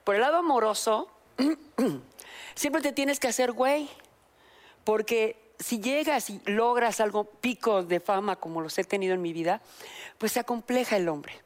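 A middle-aged woman with a Mexican accent, a talk-show guest telling candid anecdotes in an animated way. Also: a little high, moderate pace. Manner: animated storyteller, acts out voices in quotes.

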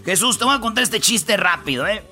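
A man's voice: sits high, animated, fairly quick, sharp tone, soft background music. A man hosting a radio show, telling a joke in slangy talk. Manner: slangy storyteller. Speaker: radio host. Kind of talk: joking radio chat.

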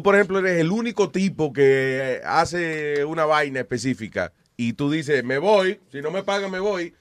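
A man's voice: a little high, dry recording. A man chatting casually in Spanish, switching into English and swearing casually. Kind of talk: casual chat.

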